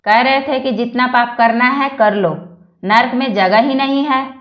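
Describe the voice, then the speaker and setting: Slow, high-voiced woman reading jokes. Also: steady tone, reverberant, highs cut off. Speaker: joke reader.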